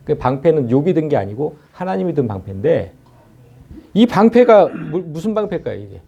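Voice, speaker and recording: Pastor preaching expository sermon; warm low timbre, swinging pitch, acts out scolding lines. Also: male voice, lo-fi sound. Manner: lively expository preaching, acts out scripture speakers in a scolding informal tone. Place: church.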